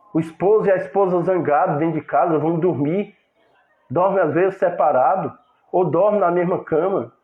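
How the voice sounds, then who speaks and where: A high-pitched man delivers a sermon, speaking in a teaching, exhortative manner. His voice rings in a reverberant room. The sound is thin and narrow, like it came down a phone line. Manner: preachy, acts out couple's quarrels in quoted voices. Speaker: preacher. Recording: echoey room over a tinny phone-like line.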